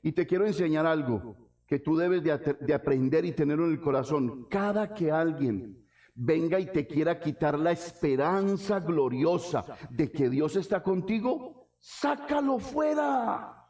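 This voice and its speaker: A man preaching a sermon as pastor, asking the congregation questions and swinging from soft low lines to shouted ones. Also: expressive, normal speed.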